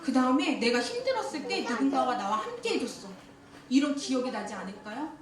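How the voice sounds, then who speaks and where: A woman's voice: sits high, very animated, a little fast. A woman giving a talk at a church teachers' seminar, often questioning her audience and laughing as she speaks. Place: church hall. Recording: echoey hall, voice from far off.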